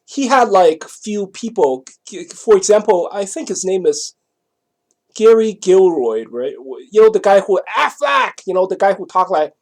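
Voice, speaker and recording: A middle-aged Taiwanese man with a Taiwanese accent tells a personal story casually, rambling, halting and repeating himself while often checking that the listener is following. His voice is high-pitched and animated, with a darkish tone.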